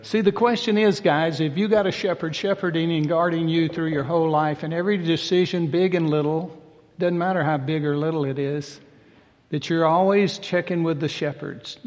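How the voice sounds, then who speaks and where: An older pastor preaches from the pulpit in a voice a bit higher than most men's, somewhat dark in tone. He speaks at normal speed with fairly even intonation, in a folksy, conversational style, and the long reverb of a large hall fills the sound.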